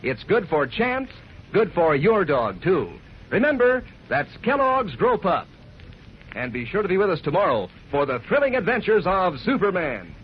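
A man's voice: high voice, wildly swooping pitch, normal speed, a little hiss or hum. An American man announcing 1940s radio commercials for children as a folksy, enthusiastic salesman. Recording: muffled old radio broadcast, faint music.

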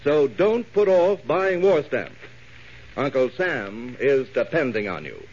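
A man's voice: mid-range voice, sing-song, takes it slowly, darkish tone. A man announcing in an emphatic, promotional 1940s old-time radio announcer's style. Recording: muffled, faintly noisy vintage radio recording.

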